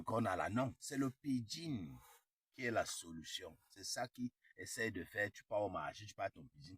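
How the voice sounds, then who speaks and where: A man's voice: fairly low pitch, breathy edge, no echo. A young man chatting casually, repeating himself and sprinkling English words into his French. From Cameroon. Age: young adult. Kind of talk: casual chat.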